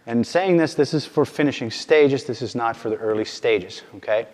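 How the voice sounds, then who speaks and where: A man's voice: medium pitch, normal speed, a little mellow, in a large hall. A male dog trainer giving a casual instructional demonstration, often checking in with "okay?" and "right?", and calling out firm short commands to his dog.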